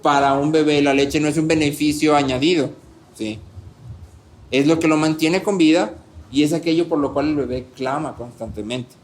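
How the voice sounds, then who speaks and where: A man preaches a sermon as a pastor. His voice sits somewhat high for a man. He delivers it with animated energy, rhetorical questions, and swings between quiet and loud passages. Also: moderate pace.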